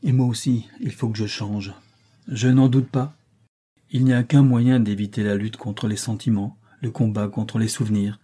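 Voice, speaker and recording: A frail young governess answers in a quiet, restrained way, as a male reader voices her. The tone is dark and warm, with a husky breath to it. She keeps her words short and careful. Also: lowish voice, steady tone, moderate pace. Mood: subdued. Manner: subdued, restrained.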